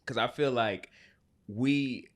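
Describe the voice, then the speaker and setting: A man hosting a podcast interview, easygoing and quick to laugh along, with lots of short back-channel replies. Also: medium pitch. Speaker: podcast host. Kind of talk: casual interview.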